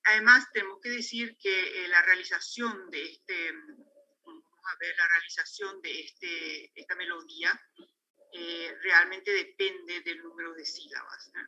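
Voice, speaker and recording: A man's voice: sits high, flat delivery, a little slow, sharp tone, low-quality recording. A man with a Paraguayan Spanish accent giving an academic lecture on linguistics, hesitant, with many fillers and restarts.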